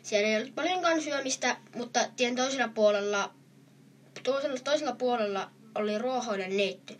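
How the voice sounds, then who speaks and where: A woman's voice: fairly high pitch, far from the mic, slight background noise. A woman reading a fairy tale aloud in a plain storyteller's way, with small restarts.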